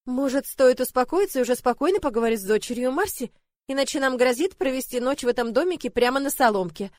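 A young storybook heroine, voiced by a woman reader, speaks with gentle care and a teasing, wry edge. Her voice sits high and sounds dry and close. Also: lively intonation, fast, no echo.

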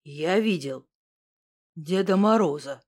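A woman voicing a nervous young man who talks low, anxious and insistent. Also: expressive, slow. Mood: worried.

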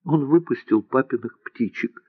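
A man's voice: medium pitch, moderate pace, slightly rough, no room sound, voice pushed up, lightly acted. A young woman on the edge of tears begs and pleads in a raised, trembling voice, put on by a male audiobook reader. The sound is thin and phone-like, with a dry, close feel. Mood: pleading.

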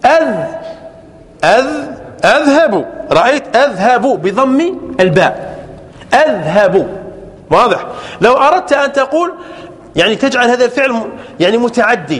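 High, lively male grammar teacher. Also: in a large hall. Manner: keeps checking the listeners understand; repeats words, corrects himself aloud. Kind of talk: grammar lesson.

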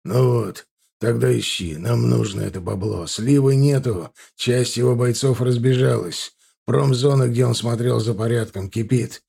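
A man's voice: medium pitch, unhurried, vocal fry, dark tone, slightly rough. A man voicing a hot-tempered crime boss who barks blunt orders. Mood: demanding.

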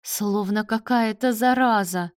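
A woman voicing a shocked older mother who laments loudly. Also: a little high, slow, no room sound, studio quality, voice pushed up. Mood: distraught.

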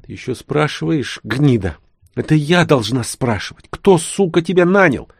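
A man's voice: on the low side, normal speed, a little mellow, no echo, studio quality. A man reading an audiobook, voicing a fierce young woman fighter who hisses scornful, harsh lines. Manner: hissing, scornful.

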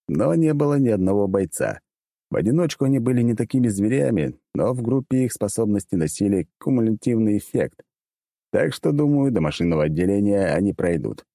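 A man's voice: on the low side, mellow, no echo. A man reading a first-person audiobook in a wry, casual manner with crude slang, on a close studio microphone. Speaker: audiobook narrator.

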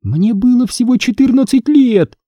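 A man voicing a vengeful ghost of a fourteen-year-old girl with a slow, eerie drawl, recorded dry and close. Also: very high voice, animated, mellow, no room sound, voice pushed up. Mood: menacing.

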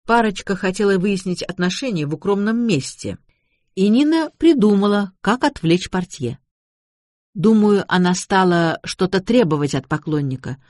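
A man voicing a confident male detective who reasons aloud in a measured way. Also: sits high, lively intonation, a little mellow, dry recording, studio quality. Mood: calm.

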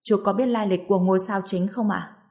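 A woman reading the part of a calm, cocky young male cultivator in a storybook, with a cool, mocking manner. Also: high-pitched, fairly quick, creaky.

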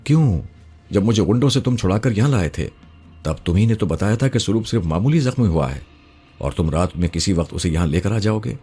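A man voicing an emotional, wary young woman, his friend's wife, in a spoken story, speaking in a raised pitch with a pleading, reproachful tone. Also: animated, dark tone, slightly rough, faint music behind. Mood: surprised.

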